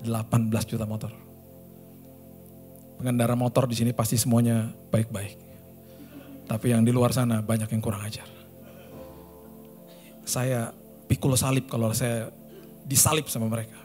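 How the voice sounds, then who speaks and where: A man's voice: medium pitch, little pitch movement, normal speed, long pauses, darkish tone, soft background music. A male pastor with a Jakarta accent telling a personal story in a sermon, casual slang and sound effects.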